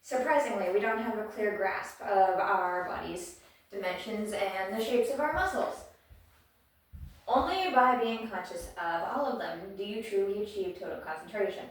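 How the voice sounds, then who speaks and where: A woman's voice: mid-range voice, normal speed, natural voice. Woman reading as an injured young swordsman steeling himself. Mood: determined. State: out of breath. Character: injured young male swordsman, determined inner monologue. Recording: very echoey room, mic far off.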